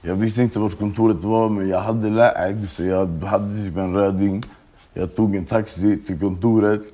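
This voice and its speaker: A man's voice: on the low side, fairly even intonation, mellow. A man, telling his story as a guest in a casual interview, swearing often and restarting his sentences. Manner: street slang, swears often, halting restarts.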